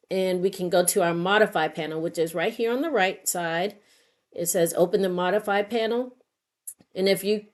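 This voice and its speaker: A middle-aged woman with a lowish, darkish voice hosts a craft tutorial. She narrates it step by step, informal and unscripted, thinking aloud as she works.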